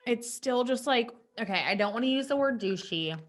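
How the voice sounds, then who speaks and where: A young woman co-hosting a casual sports podcast, chatty and animated, peppering her talk with "like". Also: on the high side, normal speed. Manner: chatty, heavy use of "like", animated. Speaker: podcast co-host.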